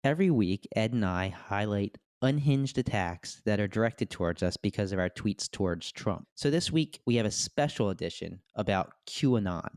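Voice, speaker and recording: A man co-hosting a casual podcast, talking in an animated way with quick asides and restarts. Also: lowish voice, dry recording, studio quality. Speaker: podcast co-host.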